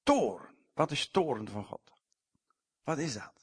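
A man preaching a sermon, swinging sharply in pitch and loudness and stretching out key words. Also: very animated, slow, breathy edge.

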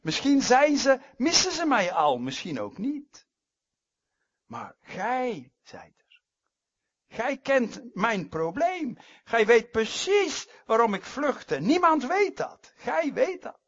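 A man's voice: lively intonation, a little slow, husky, no echo, muffled recording. A man voicing a desperate prophet crying out to God in prayer, pleading with urgency. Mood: pleading, urgent. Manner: pleading, voice rising high and loud.

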